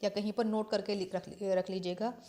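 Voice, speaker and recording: A woman's voice: medium pitch, level tone, warm tone. A woman teacher explaining literature for exams, repeating key points and asking and answering her own questions. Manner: reads English verse slowly and haltingly. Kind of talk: exam-prep literature lesson.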